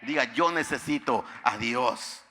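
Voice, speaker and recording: A man preaching a sermon in a church, calling out to the congregation and swinging between hushed passages and loud, shouted peaks. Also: medium pitch, measured pace, a faint crowd. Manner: preaching with call-and-response to the congregation. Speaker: pastor. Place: church sanctuary.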